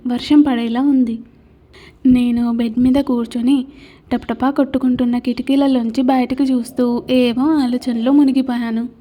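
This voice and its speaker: A woman reads her own romance novel aloud in the first person, putting emotion into the narration. Her voice is high-pitched, with a notably dark, mellow tone. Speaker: writer and narrator. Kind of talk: scripted audio novel narration.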